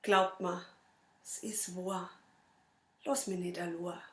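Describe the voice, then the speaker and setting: Slow Bavarian woman reciting verse. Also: fairly low pitch, flat delivery, a bit bright, reverberant. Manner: measured, rhythmic verse delivery. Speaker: cabaret performer. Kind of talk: reciting a dialect poem.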